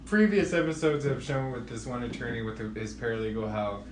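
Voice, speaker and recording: A man's voice: mid-range voice, lively intonation, fairly quick. A man co-hosting a podcast, venting about his week in a wry, tired way. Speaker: podcast co-host, student teacher. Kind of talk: casual chat. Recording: roomy echo, faint noise.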